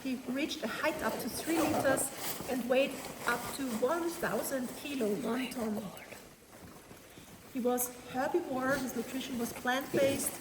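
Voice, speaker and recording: High-voiced woman guide in echoing cave. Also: unhurried. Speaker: tour guide. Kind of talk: explanatory guided-tour talk. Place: inside a large ice cave. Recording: echoey cave, distant mic, noisy.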